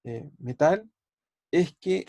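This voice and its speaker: A man's voice: on the high side, expressive, slow, a little mellow, no echo. A man teaching a university physics class over a video call, thinking aloud, repeating words and putting questions to his students. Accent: Chilean Spanish. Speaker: physics professor. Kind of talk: online university lecture.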